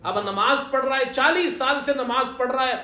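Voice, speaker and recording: A man preaching a sermon as imam, telling light humorous stories and reciting scripture slowly. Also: extremely high pitch, sharp tone. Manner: humorous storytelling, slow chanted Arabic recitation. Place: event hall at a ceremony. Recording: echoey hall.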